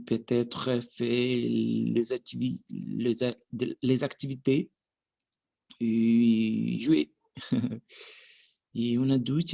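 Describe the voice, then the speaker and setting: This man in his thirties, from Brazil, talks casually to practice a second language, hesitating, searching for words and frequently starting over, with a Brazilian Portuguese accent. His medium-pitched voice carries vocal fry and a darkish tone, recorded without room sound.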